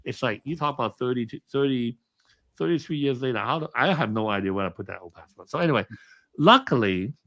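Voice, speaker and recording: A man's voice: mid-range voice, lively intonation, fast, a bit bright, dry recording. Rambling man from Hong Kong, dry sound. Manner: rambling with many fillers and restarts. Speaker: interview guest, film commentator. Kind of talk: casual storytelling interview.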